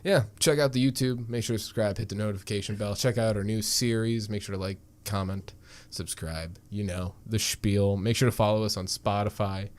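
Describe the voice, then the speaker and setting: A man's voice: lowish voice, fairly even intonation, fairly quick, hardly any pauses. A man co-hosting a podcast in loose, casual chat, swearing and laughing often. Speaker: podcast co-host.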